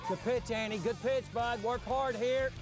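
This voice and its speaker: A softball coach wearing a body mic, hollering quick encouragement to his players at an outdoor field. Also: extremely high pitch, steady tone, over loud music, a loud crowd. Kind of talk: live coaching from the dugout. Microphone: wireless body mic.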